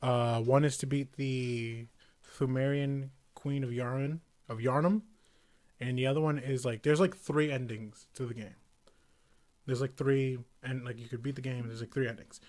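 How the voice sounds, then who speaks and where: A young man co-hosting a podcast chats casually in a medium-pitched, steady, slightly mellow voice at normal speed. He rambles with lots of fillers and breaks into silly voices to act out game characters.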